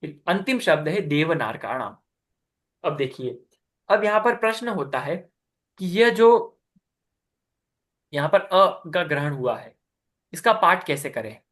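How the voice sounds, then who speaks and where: A man with a fairly high, bright-ish voice and big pitch swings teaches an online class on scripture recitation, speaking unhurriedly with frequent pauses. He explains patiently step by step, repeats key terms, asks his students questions, and praises their answers.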